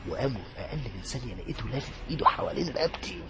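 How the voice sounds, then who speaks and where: A man with an Egyptian accent narrating a horror story in a dramatic way, dropping to a hush at tense moments. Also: mid-range voice, very animated, racing, slight background noise. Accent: Egyptian Arabic.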